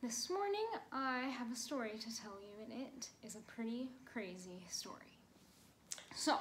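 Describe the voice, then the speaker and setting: A young woman in her twenties gives a children's sermon from a small bedroom, speaking gently and playfully as if to kids. Her voice sits a little high, and a faint hum of room noise runs under the phone recording. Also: poor audio.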